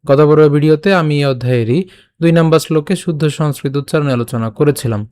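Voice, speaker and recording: Man slowly teaching Sanskrit pronunciation. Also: on the high side, a little mellow. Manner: slow, careful syllable-by-syllable recitation; chants verses in a tune. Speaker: Gita teacher.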